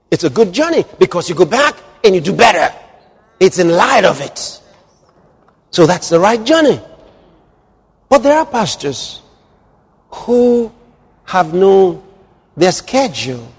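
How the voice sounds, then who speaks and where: A male pastor preaching a sermon, moving from hushed, drawn-out lines to loud exclamations. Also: sits high, breathy edge. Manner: dramatic, swings from hushed to exclaiming. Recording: long hall reverb.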